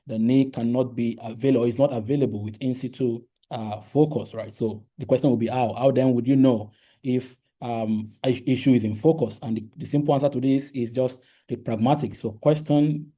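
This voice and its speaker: Warm and mid-range, with fairly even intonation, the voice of a man whose first language is Yoruba moves a little fast through an academic linguistics presentation. In the lecture room he restarts sentences, uses many fillers and keeps asking "right?"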